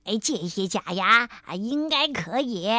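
A woman voicing a jolly, playful male beaver dentist in a children's storybook, hearty with drawn-out fillers. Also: mid-range voice, animated, pushed and bright, no room sound, clean studio sound, pitched below the performer's own voice. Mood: musing.

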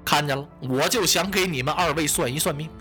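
A man voicing an unhurried, mocking male fortune-teller of about thirty in a told story. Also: a little high, bright, forceful tone, soft background music, voice pushed down. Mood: calm. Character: calm, wry male fortune-teller, thirtyish, master fighter.

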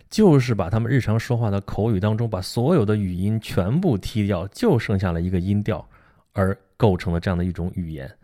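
This book explainer, a Mandarin Chinese native speaker, talks through a book in a relaxed lecture style and keeps asking his listener rhetorical questions. His lowish voice has a mellow quality.

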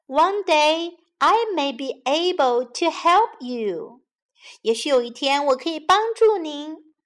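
A tiny mouse squeaks in a high, slow little voice, as a woman reads her part. It is a storybook creature, small and earnest, speaking carefully to young listeners. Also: expressive, a bit bright, full character voice. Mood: pleading. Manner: squeaky, pleading.

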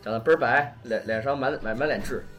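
A man of middle pitch tells a long, rambling story in a casual podcast chat. He stops and restarts his sentences as he goes. Soft music plays faintly under his voice. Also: quick pace. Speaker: podcast co-host.

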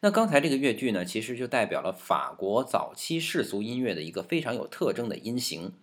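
A man's voice: mid-range voice, big pitch swings, brisk. A man hosting a music history lesson, explaining in a playful, jokey way and talking to his piano. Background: piano playing.

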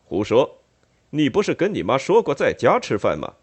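A man's voice: mid-range voice, wildly swooping pitch, moderate pace, slightly rough. A man reading an audiobook, voicing a jovial older merchant father who jokes and teases his son in a hearty voice. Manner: hearty, joking.

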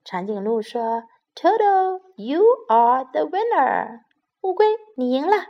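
A woman's voice: high voice, big pitch swings, slow, lo-fi sound, exaggerated voice. A woman voicing a friendly giraffe in a children's story, speaking in English and then in Chinese. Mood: cheering. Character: kind tall giraffe cheering the race.

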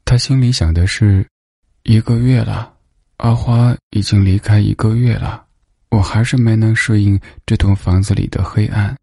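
A man narrating a storybook in a gentle, unhurried way. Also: lowish voice, steady tone, vocal fry, slightly rough, no echo, clean studio sound.

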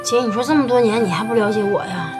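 A woman plays a proud, stubborn wife who talks fast and defensively. Her voice is slightly high, with flute music behind. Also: lightly acted. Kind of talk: TV series acting.

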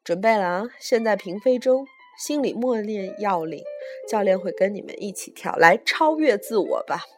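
A man's voice: high-pitched, expressive, normal speed, faint music behind. A woman voicing a man organizing a skydive, rallying the group before the jump, in a storybook reading. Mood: urging. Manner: rallying, coaxing. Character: bossy male skydiving organizer.

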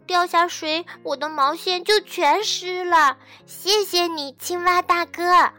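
A woman voicing an eager, cheerful little mouse in a children's storybook, with a squeaky and bouncy delivery. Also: very animated, unhurried, sharp tone, soft background music, exaggerated voice. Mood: shaken.

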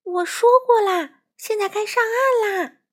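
A woman's voice: high-pitched, expressive, a little slow, fairly bright tone, voice pushed up. A woman voicing a patient mother frog who coaxes and chants in a sing-song way. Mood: calling patiently. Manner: coaxing, sing-song counting.

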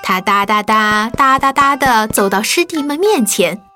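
Lively woman telling a children's story. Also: a little high, a little slow. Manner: lively, expressive narration. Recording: faint music behind.

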